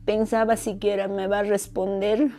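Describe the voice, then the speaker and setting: A Peruvian mother recalls finding her wounded son, speaking in halting, quiet testimony. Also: mid-range voice, flat delivery. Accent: Peruvian Spanish. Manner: halting, quiet, grief-stricken. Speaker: mother of a victim. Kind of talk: documentary testimony.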